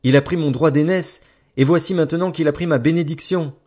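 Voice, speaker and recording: Bitter elder son, pleading and strained, higher and louder, as a man puts him on. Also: brisk, close to an everyday voice.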